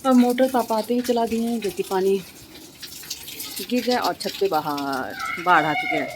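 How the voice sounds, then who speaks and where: A woman's voice: medium pitch, animated, normal speed, background noise. A young woman chatting to her viewers in a casual home vlog, filmed on a phone. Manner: chatty, talks straight to viewers. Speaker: vlogger. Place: home and rooftop, indoors and out.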